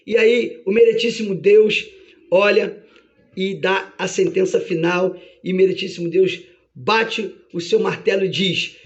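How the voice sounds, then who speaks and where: Male preacher, high voice, fervent sermon, dull lo-fi recording. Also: fairly even intonation, a little slow. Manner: fervent, shouting, frequent hallelujahs. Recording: dull lo-fi sound.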